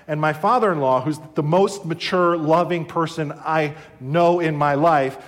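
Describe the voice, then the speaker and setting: A man's voice: on the high side, measured pace. A middle-aged man preaching a sermon as a pastor, earnest and conversational with his congregation.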